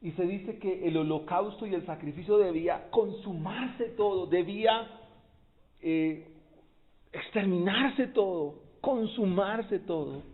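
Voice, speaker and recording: A man preaching an expository sermon as pastor, rising to loud exclamations. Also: high voice. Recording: tinny phone-like recording.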